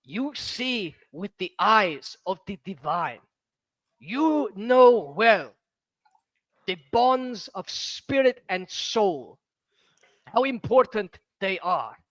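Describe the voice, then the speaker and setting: A man's voice: sits high, dry recording, full character voice. A man voicing a fervent zealot warrior in a tabletop game, declaiming emphatically and rallying outcasts. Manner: declamatory, slow emphatic oratory with shouted bursts.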